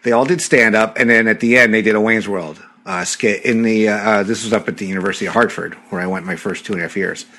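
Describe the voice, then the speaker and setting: A man's voice: fairly low pitch, steady tone, fast, hardly any pauses, pushed and bright. Middle-aged man telling rambling anecdotes. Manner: rambling anecdotes with restarts, laughs often. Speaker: podcast co-host. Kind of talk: casual movie chat.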